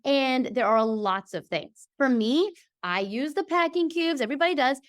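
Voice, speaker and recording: A woman's voice: sits high, normal speed. A woman from Georgia in the US, a podcast guest on a video call, talking emphatically and checking in with her listener as she goes. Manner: emphatic, lively, keeps checking in with "okay?". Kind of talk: casual interview chat.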